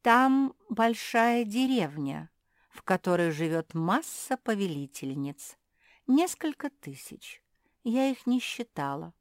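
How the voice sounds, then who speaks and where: A woman voicing a wise fairy who warns and explains in a measured way. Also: mid-range voice, very animated, dry recording, studio quality, voice pushed up. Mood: stern. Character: stern wise female fairy.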